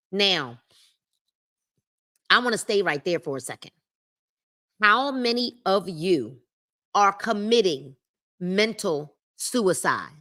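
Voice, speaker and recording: Speaking into a livestream mic in a mid-range, slightly bright voice, a female book club host reads from a self-help book and interrupts herself with forceful remarks. She repeats key phrases and talks straight to her chat.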